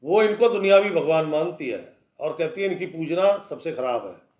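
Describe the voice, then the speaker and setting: A man's voice: fairly high pitch, animated, moderate pace. Blunt astrologer man, echoey lo-fi. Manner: blunt, warning, conversational lecturing. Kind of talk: daily horoscope talk. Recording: echoey room, dull lo-fi sound.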